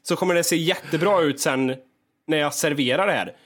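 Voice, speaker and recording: A man's voice: a little high, a bit bright. A man in a casual podcast chat, talking animatedly and swearing freely while he acts out his own grumbling. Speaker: podcast co-host.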